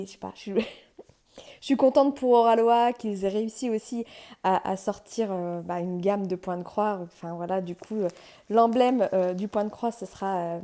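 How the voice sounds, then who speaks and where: A young woman hosts a relaxed crafts vlog, gushing with excitement as she unboxes a new kit. Her voice is mellow and warm, mid-pitched, and she laughs often between chatty, meandering sentences. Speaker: crafts channel host.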